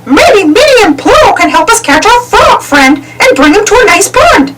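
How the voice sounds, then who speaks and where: A woman voicing a cheerful, helpful cartoon mouse in a squeaky, eager way. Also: sing-song, normal speed. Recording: far-off mic, loud background noise.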